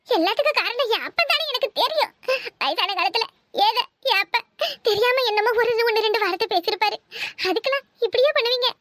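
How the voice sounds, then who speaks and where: A woman's voice: extremely high pitch, animated, fairly bright tone, no echo, clean studio sound. A woman voicing a scheming, bossy young married woman in a cartoon, talking with a Kanyakumari Tamil accent. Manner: bossy, scolding, fast chatter. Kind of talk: cartoon voice acting.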